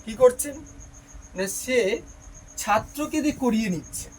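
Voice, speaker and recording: A man's voice: extremely high pitch, expressive, normal speed, slight background noise, poor audio. A man teaching a grammar lesson, who explains each step patiently, repeats key terms, and asks questions that he answers himself.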